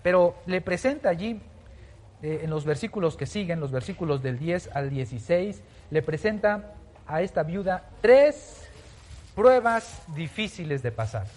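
A man leads a Bible teaching in a fairly high voice. He explains things patiently, stopping often with fillers and starting over mid-sentence. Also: expressive, a little slow, a little mellow. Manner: explanatory, many fillers and restarts.

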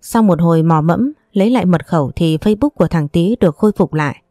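A woman's voice: fairly low pitch, animated, fast, warm tone, no echo, clean studio sound. A woman reading a sad family story aloud, doing all the characters' lines herself. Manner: voices every character herself. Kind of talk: dramatic story narration.

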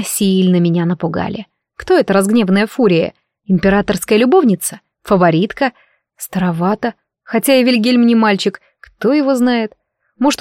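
A woman narrating a first-person fantasy audiobook in a wry, lively storytelling manner, close to the mic. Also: mid-range voice, no echo.

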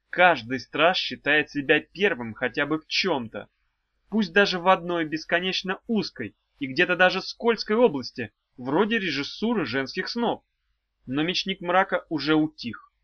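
A man narrating a fantasy audiobook in a measured, even reading. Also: a little high, dry recording, lo-fi sound. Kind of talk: scripted narration.

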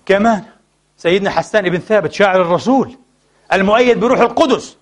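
A male scholar lecturing at a rapid clip in a fairly high voice. He presses the audience with quick questions and scoffs at opposing views. When he quotes verses, he slows down and chants them. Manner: keeps quizzing the audience with short prompts; mocking, argumentative asides. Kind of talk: religious lecture.

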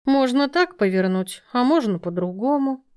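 A woman's voice: fairly high pitch, lively intonation, normal speed, darkish tone, clear, resonant tone, voice pushed up, natural voice. Sly talking cat, female, knowing and teasing; woman reader does the voice. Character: wise mocking female cat.

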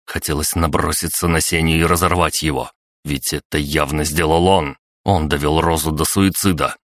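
A man reading a first-person story aloud in a steady, low-key way as an audiobook narrator. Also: moderate pace, no room sound, studio quality.

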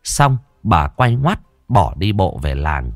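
Playful male comic storyteller, lively delivery. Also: sits low, takes it slowly, no room sound, clean studio sound, soft background music. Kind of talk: comic folk-tale narration.

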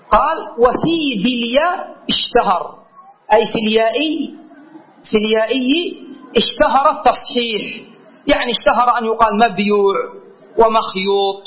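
A man teaching a grammar lesson, asking his students questions and repeating key words. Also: extremely high pitch. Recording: dull lo-fi lecture recording.

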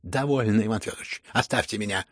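A man reading a furious, hysterical elderly noblewoman who scolds everyone around her, in shrill raised bursts. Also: fast, no room sound, studio quality, close to an everyday voice. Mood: indignant. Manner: shrill scolding outbursts, rising to shouts.

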